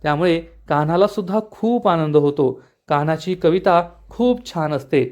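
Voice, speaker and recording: High-voiced man recapping a serial. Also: lively intonation, normal speed, a little mellow. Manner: plain storytelling narration, reads out the characters' lines. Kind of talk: retelling a TV serial episode.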